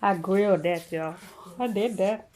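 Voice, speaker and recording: A woman with a mid-pitched voice chats casually to her audience as host. Her manner is playful and repetitive, as if congratulating herself. Faint noise sits behind her voice. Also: unhurried, a little mellow. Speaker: mukbang host and cook. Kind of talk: casual chat to viewers.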